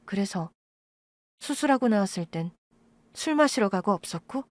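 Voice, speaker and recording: A woman voicing a cold, bitter young daughter who accuses her birth mother in a quiet voice, in an audio drama. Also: medium pitch, lively intonation, normal speed, dry recording, lightly acted.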